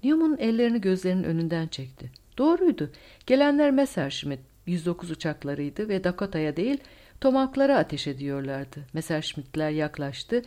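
A woman narrating a war novel audiobook with dramatic, expressive storytelling. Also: on the low side, brisk. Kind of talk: scripted narration.

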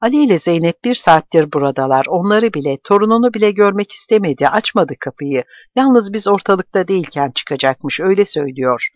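A man's voice: high voice, lively intonation, a little fast, few pauses, no echo, highs cut off, voice pushed up. A man voicing a distraught middle-aged woman who sobs as she explains. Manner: sobbing, pleading. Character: tearful middle-aged woman, anxious wife.

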